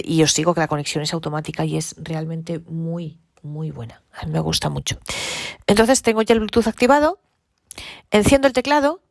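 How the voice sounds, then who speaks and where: A woman's voice: mid-range voice, gravelly, dry recording, studio quality. A woman with a Spain Spanish accent, hosting a podcast and giving a casual, chatty device demonstration, repeating herself and using many fillers. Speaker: podcast host.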